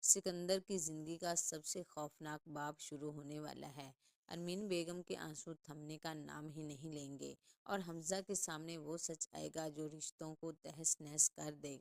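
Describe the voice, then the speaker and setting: A woman's voice: deep voice, vocal fry. A woman narrating a scripted drama recap in a dramatic, suspense-building way. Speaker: channel narrator.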